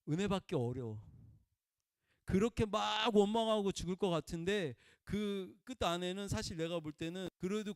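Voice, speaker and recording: A man preaching a conversational sermon in a folksy way, prompting listeners with "eh?" and swinging between loud emphatic bursts and quiet murmurs. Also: sits high, smooth, no room sound, studio quality. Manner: folksy, peppers talk with prompting "eh?" to the congregation.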